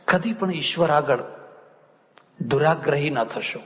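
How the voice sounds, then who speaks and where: A man's voice: a little high, unhurried. An older man, a swami, giving a religious discourse full of anecdotes and acting out the people he quotes with humor. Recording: long hall reverb, dull lo-fi sound.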